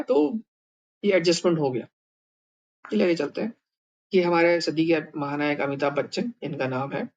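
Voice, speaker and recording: A man's voice: fairly high pitch, muffled recording. Man giving a casual, rambling language lesson. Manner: thinking aloud, many fillers and repeats. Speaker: language teacher.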